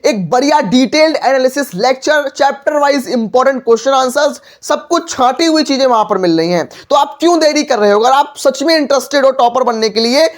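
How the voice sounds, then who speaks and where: A male teacher giving a lively exam-prep chemistry lecture, asking rhetorical questions and repeating phrases to drive points home. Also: very high voice, a little fast, few pauses. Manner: repetitive, rhetorical questions, filler phrase "mere paas". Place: online class video.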